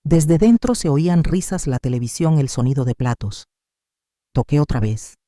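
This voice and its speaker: A woman's voice: sits low, lively intonation, normal speed, dark tone, no room sound, clean studio sound. An older woman, telling a sorrowful first-person story as scripted narration.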